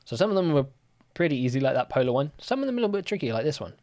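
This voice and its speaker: A man's voice: fairly high pitch, very animated, very fast, a little mellow. A young man hosting a live-stream quiz, chatting casually with lots of fillers as he reads and answers viewer comments. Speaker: livestream quiz host.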